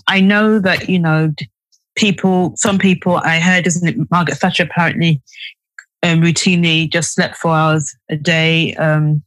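A woman's voice: on the low side, fairly bright tone, dry recording, rough recording. A woman psychiatrist from the UK, a podcast guest giving advice, explaining in a chatty way with many fillers and restarts. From United Kingdom. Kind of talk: podcast interview.

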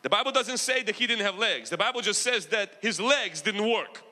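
A high-voiced, animated preacher with a forceful, bright tone and a Ukrainian-American accent speaks at a moderate pace in a large church. His Pentecostal sermon builds in intensity and pulls call-and-response from the crowd amid long hall reverb.

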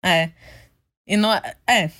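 Animated young woman telling a story. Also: lowish voice, a little slow. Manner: animated storytelling, acting out family members' voices, laughs often. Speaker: podcast co-host. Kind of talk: casual chat.

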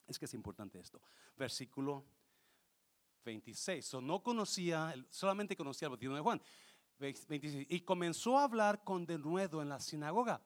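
A fervent man delivers a sermon to his church. His voice is high and gravelly. It swoops through a wide range as he moves between hushed teaching and passionate shouts, mixing in English phrases. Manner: passionate, swings from quiet to shouting, mixes in English. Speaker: pastor.

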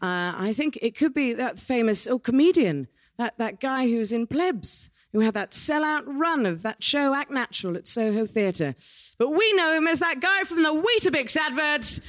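A woman's voice: high-pitched, expressive, normal speed, hardly any pauses. Playful British woman hosting live. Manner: playful, quirky asides. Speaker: host of a live game show. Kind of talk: light, ad-libbed live stage presenting. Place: small theatre stage in front of an audience.

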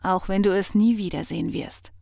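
A woman's voice: medium pitch, moderate pace, creaky, mellow, dry recording, clean studio sound. A woman whispering as a grimy menacing man. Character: menacing grimy male hacker, hissing threats.

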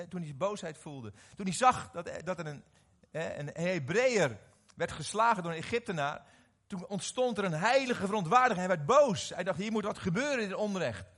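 Husky, animated middle-aged male preacher. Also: high-pitched. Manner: animated, questions the audience, repeats words when restarting. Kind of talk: sermon to a live congregation.

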